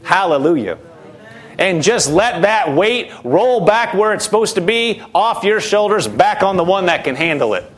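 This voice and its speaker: High-voiced fervent male preacher. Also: big pitch swings, moderate pace, fairly bright tone. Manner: fervent, repetitive preaching with frequent hallelujahs. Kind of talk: sermon.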